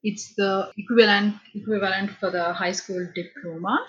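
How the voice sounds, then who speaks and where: A woman's voice: medium pitch, steady tone, moderate pace, fairly bright tone, muffled recording. A woman from Sri Lanka answering interview questions about her career, speaking thoughtfully with many fillers and restarts. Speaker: interview guest, business analyst.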